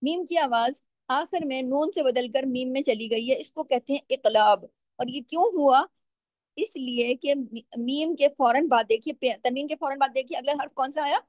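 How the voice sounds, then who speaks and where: Female tajweed teacher, high voice, close and dry sound, patient question-and-answer delivery, slow drawn-out recitation of examples. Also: darkish tone, no echo. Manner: patient, asks questions and answers them herself; stretches out recited words slowly. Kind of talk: step-by-step tajweed lesson.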